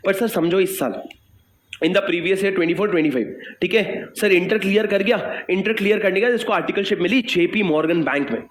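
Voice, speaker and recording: A man with an Indian accent teaching tax law in a lively, jokey lecture, acting out little dialogues and calling his students sir. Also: sits high, normal speed. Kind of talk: animated classroom lecture. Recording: echoey room with faint background noise.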